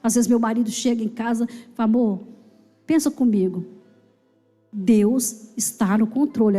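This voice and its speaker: High-voiced woman preaching in a church hall. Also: mellow. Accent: Brazilian Portuguese. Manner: emphatic preaching with repeated phrases and calls of amen. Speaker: pastor. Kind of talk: sermon. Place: church sanctuary.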